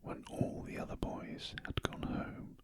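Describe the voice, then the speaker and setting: A man with a British accent reading a story in a very gentle, breathy ASMR whisper, close to the ear. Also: measured pace. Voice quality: soft, breathy, unvoiced whisper. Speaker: audiobook reader. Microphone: close ear-to-ear ASMR microphone.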